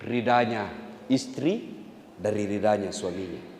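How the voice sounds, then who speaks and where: A man with a Buginese Indonesian accent preaching a humorous sermon to a large gathering, teasing the audience and bursting into loud high-pitched acted lines. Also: measured pace. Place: large hall at a public religious gathering. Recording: echoey hall with long reverb, faint noise.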